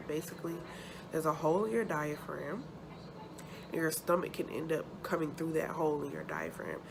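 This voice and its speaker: A woman gives a casual personal update in a low voice full of vocal fry. She sounds uncomfortable and sore after surgery, pausing often as she talks. Noticeable background noise sits behind her. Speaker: vlogger. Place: hospital room.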